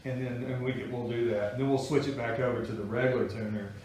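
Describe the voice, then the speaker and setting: Guy teaching a guitar class, folksy and chatty, mid-pitched voice, echoey room, recorded from far off. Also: fairly even intonation, fast, darkish tone, a little hiss or hum. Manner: folksy, explanatory, chatty with students. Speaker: guitar-building instructor. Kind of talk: casual workshop class talk. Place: workshop classroom with students.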